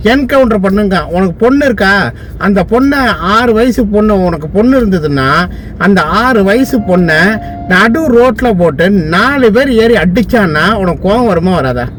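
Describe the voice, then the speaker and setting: A man's voice: high voice, slight background noise. A man from Tamil Nadu, a lawyer, delivering a furious, abusive political rant full of insults.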